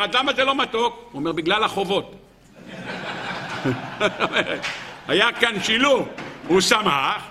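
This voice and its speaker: A man giving a lively sermon to an audience, asking questions and answering them himself, with humor. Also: sits high, in a large hall. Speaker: rabbi giving a Torah talk. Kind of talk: sermon with storytelling.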